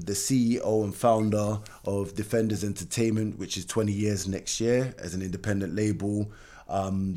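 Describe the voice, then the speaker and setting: A man's voice: fairly low pitch, dark tone. A middle-aged man with a South London accent, telling his story casually in an interview, in informal, slangy speech. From London, England. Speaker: music label founder and youth mentor.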